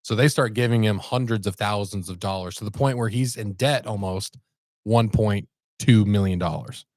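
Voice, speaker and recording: A man's voice: fairly low pitch, normal speed, darkish tone, dry recording. A man co-hosting a podcast, casually retelling a story in a rambling, laid-back way with lots of fillers. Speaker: podcast co-host.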